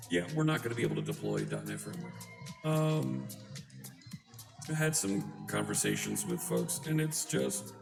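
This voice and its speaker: A live coding streamer talking through a voice changer that shifts the voice deep, chatting casually with a wry, self-deprecating manner. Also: creaky. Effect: deep pitch-shifting voice changer. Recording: roomy sound with music behind. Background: background music.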